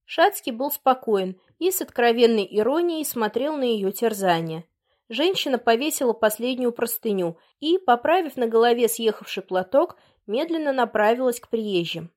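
A woman narrating a story as an audiobook, in a measured storytelling manner. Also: on the high side, expressive, darkish tone.

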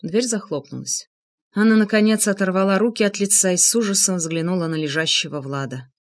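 A woman narrating an audiobook with an expressive, dramatic reading. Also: fairly low pitch, fairly quick. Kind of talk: scripted narration.

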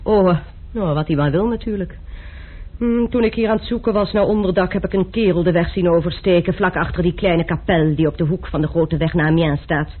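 In a tinny, lo-fi radio play recording with hiss, an actor voices a young adult male gambler and duelist who is dry, mocking and unhurried. His voice is high-pitched and husky, with fairly even intonation.

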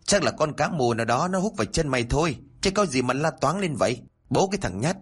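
A man voicing a loud, brash chubby teenage boy in a storybook reading. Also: on the high side, expressive, fast talker, breathy edge, voice pushed up.

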